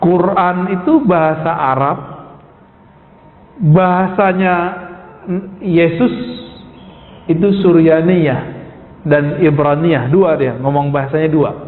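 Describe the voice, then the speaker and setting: A male preacher giving an informal sermon, putting rhetorical questions to his listeners and calling them "Pak". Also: high voice. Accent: Indonesian. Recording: echoey hall, tinny phone-like sound.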